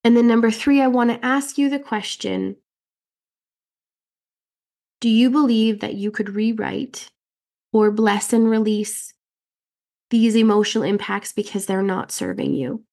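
A woman hosting a motivational podcast while getting over a head cold, her voice nasal and raspy, coaching listeners directly with earnest questions. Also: a little high, steady tone, a little slow, pauses often, darkish tone. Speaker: podcast host and fertility mindset coach.

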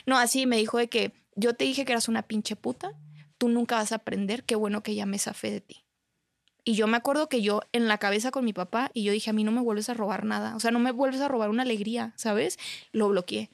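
A woman's voice: fairly high pitch, steady tone, fast, vocal fry, no echo. A woman from Mexico with a Mexican Spanish accent, a podcast guest candidly recounting her story in casual chat, dropping "you know" and "I mean" often. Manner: candid, peppers her story with "¿sabes?" and "o sea".

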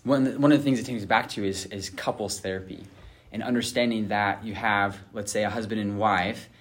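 A man with a lowish, fairly even voice hosts a casual discussion as a therapist, speaking at a moderate pace. He's earnest, full of fillers and restarts, and acts out the voices of couples.

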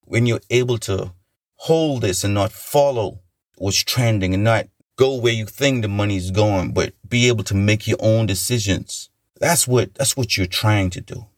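A man's voice: lowish voice, no echo, clean studio sound. A man giving an earnest, rambling motivational talk, often repeating himself and leaning on "you know" as he encourages listeners. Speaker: motivational speaker.

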